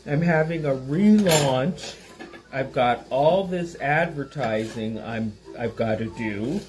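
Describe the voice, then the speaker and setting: Chatty, slow-talking woman cooking. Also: rumbling low, noisy background. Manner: chatty, rambling, talks to viewers. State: tired and loopy. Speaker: small business owner. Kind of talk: casual cooking vlog. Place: home kitchen. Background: sizzling pan and music.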